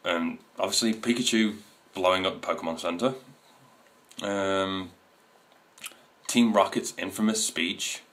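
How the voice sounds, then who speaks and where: A man's voice: low-pitched, measured pace, pauses often, a bit bright. A man in his twenties talking casually to his camera, rambling with fillers and restarts. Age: 20s. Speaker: video host. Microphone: camera mic.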